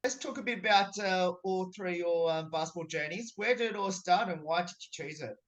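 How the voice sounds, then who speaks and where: A man's voice: high-pitched, brisk, fairly bright tone. A young man asking casual questions as a sports interviewer over a video call. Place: indoor room at home, video call.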